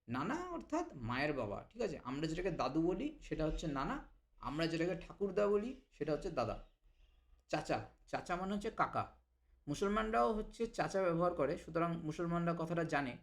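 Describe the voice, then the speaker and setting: A man with a fairly high voice runs a vocabulary lesson. He explains each word, says it again slowly and checks in with a quick "right?". His delivery is patient and methodical. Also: vocal fry. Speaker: language teacher.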